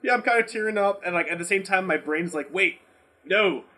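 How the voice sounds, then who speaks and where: A man whose voice sits high talks fairly quickly as a podcast co-host in a relaxed argument about movies. His style is blunt, foul-mouthed and meandering, full of animated rants and imitated quotes.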